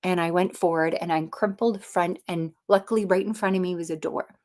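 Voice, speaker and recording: A woman from Canada telling her own story in casual talk, animated, with many fillers and restarts. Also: fairly low pitch, a little fast. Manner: animated, acts out voices in quoted dialogue. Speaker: personal storyteller.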